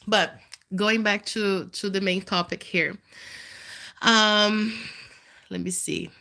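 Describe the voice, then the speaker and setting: A woman's voice: mid-range voice, fairly even intonation, slow, vocal fry, pushed and bright. A woman in her thirties with a nasal, congested voice, chatting candidly to viewers in a live video update. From Canada. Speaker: vlogger.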